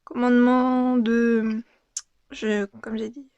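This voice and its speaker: Soft-spoken young woman, half-whispering. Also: a little high, little pitch movement, slow, clear, resonant tone, no echo, dull audio. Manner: soft, murmured card reading with frequent half-whispers. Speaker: card unboxing vlogger. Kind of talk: casual unboxing commentary, often whispered.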